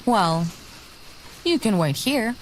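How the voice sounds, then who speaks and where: Eleanor, a raspy old ghoul woman. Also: medium pitch, animated, slow, slight background noise. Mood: creepy hushed. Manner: hushed, menacing, sweetly creepy. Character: sinister old woman, flesh-eating ghoul. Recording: animation audio with background music.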